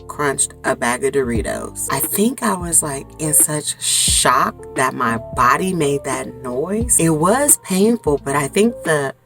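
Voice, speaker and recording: A woman in her forties chatting to camera from inside a small clothes closet, telling a story in a chatty, expressive way. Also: low voice, slow, hardly any pauses, faint music behind. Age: 40s. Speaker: vlogger. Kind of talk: casual chat to camera.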